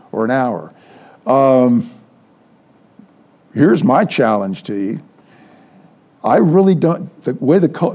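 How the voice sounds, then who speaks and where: Older man, pastor, animated storytelling, mellow tone, Sunday school class. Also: mid-range voice. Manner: lively storyteller, acts out quoted dialogue. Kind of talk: informal sermon with storytelling.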